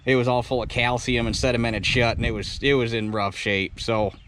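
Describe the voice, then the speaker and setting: A man's voice: medium pitch, fairly even intonation, fairly quick, noisy background. A man with a rural American accent talks through a hands-on repair casually, in a folksy, salty-tongued way. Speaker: mechanic presenting his own repair.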